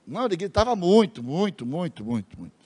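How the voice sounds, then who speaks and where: A Brazilian pastor with a Brazilian Portuguese accent preaches a sermon in a high, breathy-edged voice at a fairly quick pace. A lively storyteller, he mimics the voices of the people in his story when quoting them and addresses the congregation as brothers.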